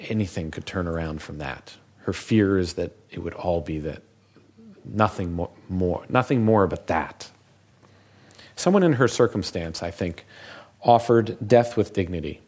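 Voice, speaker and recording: In a public talk, a male physician tells stories slowly and reflectively, letting each thought take its time. His voice is very deep and low, with a darkish tone.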